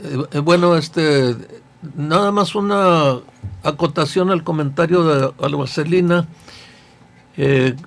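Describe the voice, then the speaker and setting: Man, gravelly and a bit high, a hesitant, thoughtful historian guest on the panel. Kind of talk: radio panel discussion.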